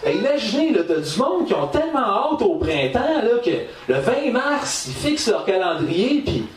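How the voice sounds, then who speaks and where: A man's voice: very high-pitched, big pitch swings, moderate pace, far from the mic. A man with a Québécois accent doing a rambling, self-mocking stand-up routine on a small café stage, stammering and laughing at his own jokes. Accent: Québécois French. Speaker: stand-up comedian. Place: small café stage before a live audience. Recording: roomy live café recording from off-mic.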